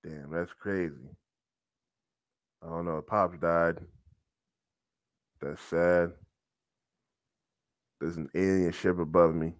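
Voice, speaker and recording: A man mimicking an emotionless young male rancher in a deadpan monotone. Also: low-pitched, takes it slowly, long pauses, no echo, clean studio sound, voice pushed down.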